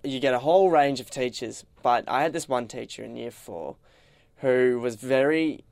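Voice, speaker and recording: A man's voice: mid-range voice, normal speed, creaky, darkish tone, no echo. A young man, co-hosting a podcast with teasing, dry banter. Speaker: podcast co-host. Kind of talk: casual chat.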